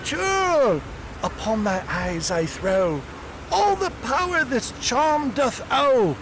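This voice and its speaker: An actor playing a mischievous servant sprite in a home Shakespeare production, chanting verse lively. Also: sits high, slow pace, noisy background, exaggerated voice. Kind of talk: amateur home Shakespeare performance.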